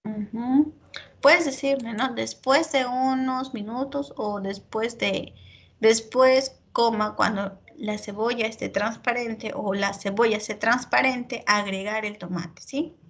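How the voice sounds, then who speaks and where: A woman teacher talks slowly and unhurriedly, her slightly high voice often dropping into a gravelly fry. She gives feedback in an online class, checks in with her student after nearly every phrase, and fills her pauses with small hesitations. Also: steady tone, a bit bright. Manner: checks in constantly with the student, frequent filler pauses.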